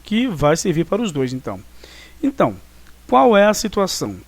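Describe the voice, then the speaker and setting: A man's voice: high-pitched, wildly swooping pitch, normal speed, no echo. A man with a Brazilian Portuguese accent teaching a review class and checking in often with his students. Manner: explanatory, frequent "né?" and "tá?" check-ins. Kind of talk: recorded online class review.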